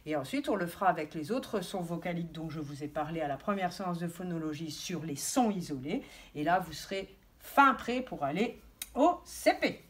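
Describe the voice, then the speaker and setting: A woman teaching a recorded lesson to young children, stressing words slowly and clearly. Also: lowish voice, expressive. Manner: slow, sing-song word stress for children; clear instructive tone, addressing children and parents. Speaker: kindergarten teacher.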